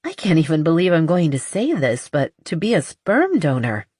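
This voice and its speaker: A woman voicing a young woman in an audiobook, raising her voice in an emphatic, lively way. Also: low-pitched, moderate pace, husky, no room sound, studio quality, exaggerated voice. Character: flustered young woman, then sweetly teasing. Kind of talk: audiobook character voice.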